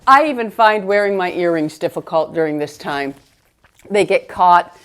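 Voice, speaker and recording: A woman's voice: lowish voice, moderate pace, fairly bright tone, clear, resonant tone. A middle-aged woman beauty vlogger in a casual get-ready-with-me chat, rambling conversationally and talking straight to viewers.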